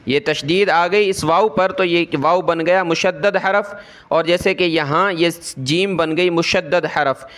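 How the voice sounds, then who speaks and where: A man with a Pakistani Urdu accent giving a Quran reading lesson, explaining quickly and then drawing out each letter sound slowly. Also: a little high, fairly bright tone. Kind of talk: spoken lesson, spelling out Arabic letters.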